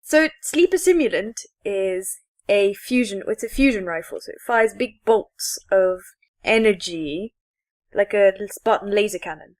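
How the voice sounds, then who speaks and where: Her mid-range voice is lively in intonation and normal in speed as she co-hosts a podcast. The woman chats casually and enthusiastically about geeky topics, rambling and giggling along the way.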